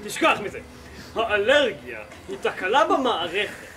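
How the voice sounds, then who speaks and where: Young man as high-voiced, irritable lecturing doctor. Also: wildly swooping pitch. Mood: irritated lecturing. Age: teen or young adult. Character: irritable male doctor lecturing on allergy, easily exasperated. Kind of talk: amateur school stage play. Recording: live stage, audience noise.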